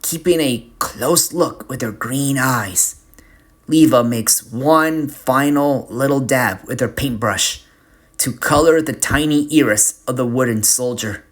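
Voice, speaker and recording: A man narrating a fantasy storybook tale in a slow, deliberate reading. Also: medium pitch.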